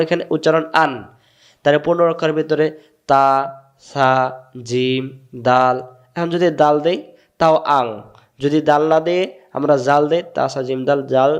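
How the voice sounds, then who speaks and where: A man from Bangladesh with a Bangladeshi Bengali accent, teaching Quran recitation patiently and repeating each sound several times. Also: a little high. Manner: repeats sounds slowly, asks and answers his own questions. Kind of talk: patient step-by-step lesson.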